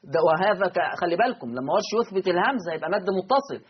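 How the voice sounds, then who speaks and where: An Egyptian man teaching Quran recitation rules, patiently repeating each rule, asking and answering his own questions and slowly chanting example words. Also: high voice, animated, slightly rough, lo-fi sound. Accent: Egyptian Arabic. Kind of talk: recorded lesson.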